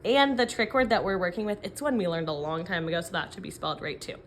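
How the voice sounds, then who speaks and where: A woman teacher dictating sentences word by word, sounding out letters and syllables deliberately and checking in with questions. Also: on the low side, slight background noise. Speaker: elementary phonics teacher.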